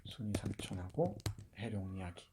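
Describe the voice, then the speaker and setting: A man's voice: low-pitched, lively intonation, normal speed, background noise. A man giving a university literature lecture, explaining and demonstrating dialect pronunciations, with frequent fillers and restarts.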